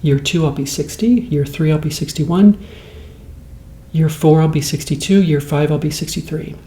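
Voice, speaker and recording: A man in his late fifties talking in a slow, rambling, soft-spoken ASMR way, as host of the show. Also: on the high side, roomy sound. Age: 50s.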